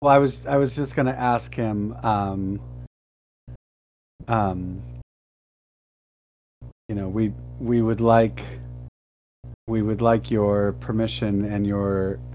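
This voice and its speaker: Hesitant low-voiced man on a dull mic. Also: fairly even intonation, slow pace, pauses often, slight background noise. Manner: hesitant, many fillers. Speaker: player. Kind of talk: tabletop game play.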